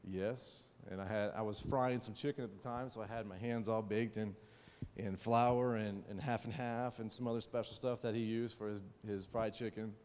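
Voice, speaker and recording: Storytelling pastor in a reverberant hall. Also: male voice, fairly low pitch, fairly even intonation, moderate pace, a little mellow, clear, resonant tone. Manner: folksy storytelling, frequent "right?" asides. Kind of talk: sermon.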